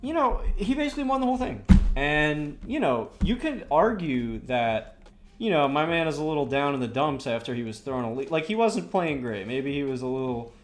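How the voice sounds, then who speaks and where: A man's voice: fairly high pitch, expressive, normal speed. Young guy streamer rambling thru a story, swears a bunch, lots of likes and you knows, faint music behind. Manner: rambling, swears a lot, many fillers. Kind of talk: casual storytelling while drawing.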